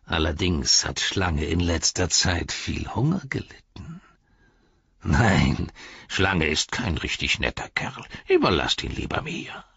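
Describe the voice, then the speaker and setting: A man's voice: low-pitched, big pitch swings, vocal fry, fairly bright tone, breathy edge, dry recording, heavily acted. A man voicing a cruel, spiteful old wizard who sneers and mocks, in a dry, slightly dull recording. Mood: mocking. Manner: mocking, drawn-out, taunting.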